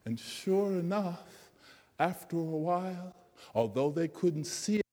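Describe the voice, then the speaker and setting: Slow, gentle male storyteller. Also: sits high, expressive. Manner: slow, gentle, softening to quiet. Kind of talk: performed folk tale. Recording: long hall reverb.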